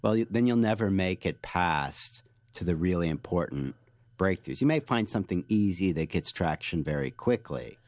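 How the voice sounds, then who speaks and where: A man being interviewed as an author, explaining ideas and telling stories in an animated way, with frequent restarts. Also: low voice, normal speed, no echo. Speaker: author and guest. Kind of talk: interview answers, storytelling.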